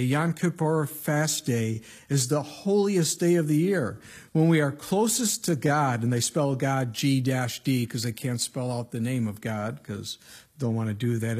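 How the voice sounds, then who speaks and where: A man preaching at a pulpit microphone with a slightly husky, somewhat higher-pitched voice. He teaches scripture in a plain, conversational way and punches his points with short emphatic asides. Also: darkish tone. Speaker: pastor. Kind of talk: verse-by-verse Bible teaching sermon.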